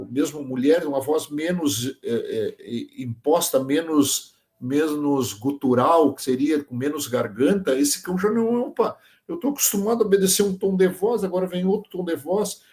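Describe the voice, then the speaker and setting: A sheep dog trainer appears as a guest on a casual podcast interview, speaking in a man's voice that sits on the high side with a darkish tone. He explains working dogs through farm examples and checks that the listener is following along.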